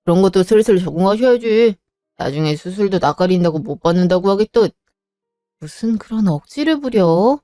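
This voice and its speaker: A woman voicing a cold, dismissive husband who flatly refuses every request. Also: mid-range voice, normal speed, no echo, clean studio sound, faint music behind, lightly acted. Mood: stubborn. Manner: blunt and unyielding. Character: cold, dismissive husband, busy working man. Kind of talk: Korean drama voice acting.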